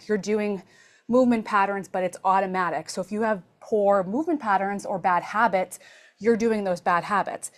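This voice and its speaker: A woman fitness coach speaks to her class while still catching her breath. She explains with emphatic, energetic delivery in a mid-range voice. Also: medium pitch, normal speed.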